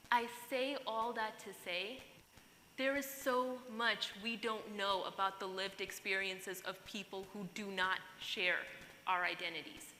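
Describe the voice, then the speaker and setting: A woman from Pakistan gives an earnest, emphatic keynote speech to a conference audience in a large hall. Her mid-range voice sounds pushed and bright, with hall reverb and faint noise in the recording.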